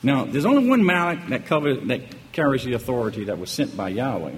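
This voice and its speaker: Speaking a little fast with big swings in his mid-range pitch, a man preaches emphatically. Rhetorical questions and frequent "okay?" and "right?" check-ins fill the sermon, recorded in an echoey hall with faint background noise.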